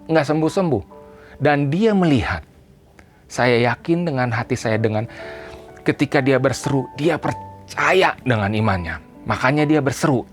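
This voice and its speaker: A man preaching a sermon to a church congregation. He speaks emphatically, addresses them directly, and builds to loud, repeated cries. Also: mid-range voice. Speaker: pastor. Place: church service.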